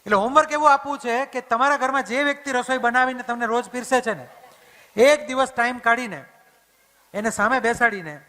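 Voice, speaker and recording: A man's voice: extremely high pitch, fairly quick, pushed and bright. A man giving a motivational storytelling talk to an audience, acting out family conversations. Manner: acts out family dialogue in plain voice. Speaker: motivational speaker. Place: community hall event. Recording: hall reverb, stage mic.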